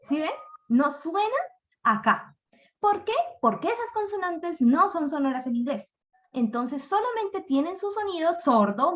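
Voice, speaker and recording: A patient woman teacher explains pronunciation at an unhurried pace, stretching out each example sound. Her voice sits a little high. The recording is dull and lo-fi. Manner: slow, patient, demonstrates sounds aloud. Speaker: English teacher. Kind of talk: classroom explanation.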